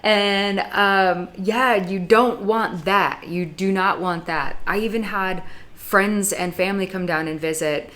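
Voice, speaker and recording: A woman's voice: mid-range voice, slow, few pauses, fairly bright tone. A young adult woman from the United States giving blunt, sarcastic advice in a casual vlog monologue, with dramatic asides. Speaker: YouTube vlogger.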